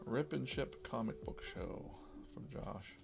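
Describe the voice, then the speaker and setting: A man's voice: mid-range voice, lively intonation, takes it slowly, vocal fry, over music. A man hosting a live drawing stream, chatting casually and rambling with frequent restarts as he works on a comic. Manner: rambling, self-interrupting, business-minded.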